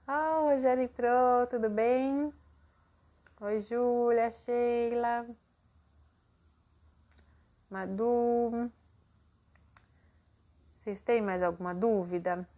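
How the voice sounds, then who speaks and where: A woman's voice: on the high side, steady tone, drawn-out words, long pauses, highs cut off. A woman mentoring parents in a live online session, explaining patiently and acting out what to say to a child.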